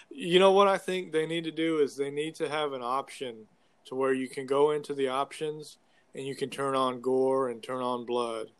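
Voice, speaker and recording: A young man in casual conversation, talking like a frat bro with loose slang and plenty of swearing. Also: medium pitch. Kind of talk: casual chat about video games.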